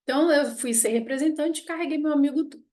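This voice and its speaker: A woman's voice: high-pitched, fast talker, a little mellow. A Brazilian woman giving a casual spoken lesson on family constellation therapy, telling an emotional story and often checking in with her listeners. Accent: Brazilian Portuguese.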